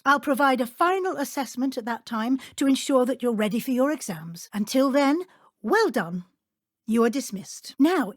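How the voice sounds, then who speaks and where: An actress playing a brisk, stern but encouraging middle-aged British witch professor in a video game, speaking formally and precisely. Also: a little high, no room sound, studio quality. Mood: approving, formal. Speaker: transfiguration teacher. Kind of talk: scripted video game dialogue.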